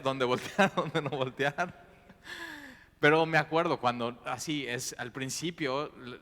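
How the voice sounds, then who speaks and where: Male pastor, relaxed conversational sermon delivery, echo of a big church room. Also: mid-range voice. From Mexico. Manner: expressive, informal preaching with casual asides. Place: church auditorium. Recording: long reverb of a church hall.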